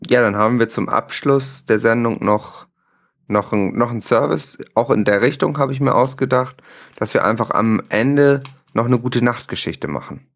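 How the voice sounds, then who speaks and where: A man hosting a comedy podcast, talking deadpan and fake-earnest with hesitant restarts. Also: mid-range voice, moderate pace, gravelly. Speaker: podcast host.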